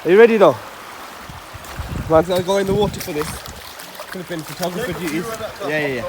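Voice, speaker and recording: A man vlogging excitedly while hiking through a river canyon, joking with his friends and a little out of breath. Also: high-pitched, a crowd in the background. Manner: excitable, joking, increasingly hyped. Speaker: travel vlogger. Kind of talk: casual adventure vlogging. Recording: loud rushing water noise. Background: rushing water.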